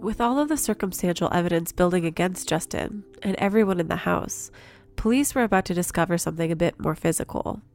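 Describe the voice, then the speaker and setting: A woman hosting a podcast, telling a story in measured, earnest scripted narration. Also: on the low side, a little mellow, soft background music. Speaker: podcast host.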